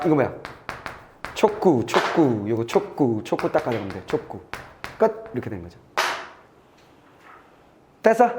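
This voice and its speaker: A male Korean exam-prep teacher walking students through a test passage, reading lines aloud and checking in with quick asides that trail off low. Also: noisy background. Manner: brisk and chatty, reads aloud then checks "됐지?" and trails off low.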